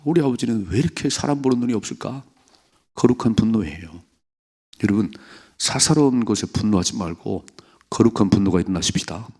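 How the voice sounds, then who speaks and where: A man's voice: lowish voice, vocal fry, husky. A man pastor giving an early-morning sermon in a church, preaching emphatically and asking the congregation many rhetorical questions. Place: church sanctuary.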